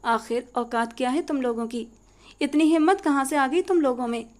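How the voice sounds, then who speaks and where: A woman's voice: high-pitched, normal speed, a little mellow, close to an everyday voice. A woman voicing a ruthless, vengeful young male landlord in a storybook reading, with a menacing, commanding delivery. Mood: contemptuous.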